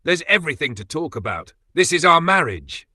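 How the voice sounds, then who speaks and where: A man's voice: medium pitch, animated, moderate pace, pushed and bright, no echo, clean studio sound. A man voicing a heartbroken young wife who begs her husband through tears. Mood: begging. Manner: tearful, begging.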